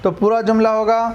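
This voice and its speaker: Man, teacher, Indian Urdu-Hindi accent, slow, drawn-out syllable drills, high voice. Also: a little hiss or hum. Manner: slow, drawn-out recitation of letters and syllables, then quick explanation. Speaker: Quran reading teacher. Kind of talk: recorded online lesson.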